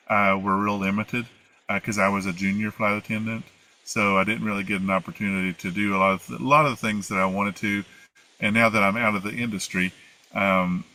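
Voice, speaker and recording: A man's voice: fairly low pitch, bright, forceful tone, rough recording. An American man with an Appalachian accent, answering interview questions in a casual, rambling and somewhat hesitant way. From United States. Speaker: interview guest, former flight attendant. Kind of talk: casual conversational storytelling.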